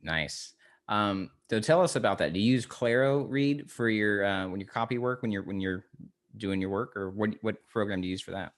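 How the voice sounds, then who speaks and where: Male podcast host, low voice, relaxed, conversational. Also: normal speed. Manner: easygoing, many short agreements. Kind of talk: conversational interview.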